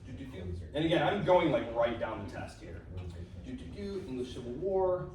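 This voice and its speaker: A man's voice: medium pitch, lively intonation, moderate pace, a little mellow, slight background noise. A man lecturing to a class in an easygoing, conversational way, tossing in fillers and side remarks as he goes. He sounds far from the recorder, and the classroom echoes heavily. A faint room ambience hums behind him. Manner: chatty, informal, with many fillers and asides. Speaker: history instructor.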